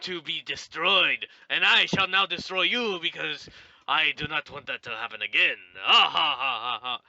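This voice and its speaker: A man voicing a hammy, gloating male demon lord, slow and loud in a theatrical villain delivery. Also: fairly high pitch, gravelly, no echo, highs cut off, exaggerated voice.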